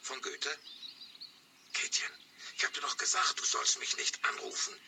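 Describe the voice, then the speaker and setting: A man's voice: on the high side, monotone, moderate pace, background noise, close to an everyday voice. A man playing a vain, forgetful poet. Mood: evasive. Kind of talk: radio play for language learners.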